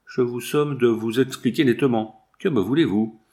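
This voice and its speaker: Man playing a haughty gentleman, curt, proud, indignant replies. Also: mid-range voice, normal speed, close to an everyday voice.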